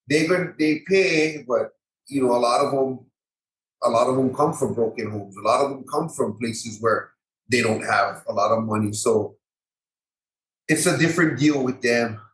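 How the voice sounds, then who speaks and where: Hawaiian local guy guesting on a chat, repeats himself, colloquial, lots of room echo. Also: medium pitch. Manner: halting, repeats phrases, colloquial grammar. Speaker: MMA fighter and gym owner, podcast guest. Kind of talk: casual interview chat. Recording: echoey roomy sound.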